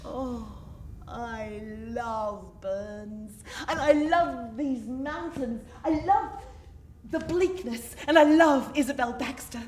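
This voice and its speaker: A woman playing a romantic, dramatic, self-mocking teenage girl named Mary in a one-woman stage monologue, theatrical and swinging between giddy and hushed. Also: a little high, takes it slowly, recorded from a distance, a little hiss or hum. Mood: dreamy. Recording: roomy stage sound from afar, music.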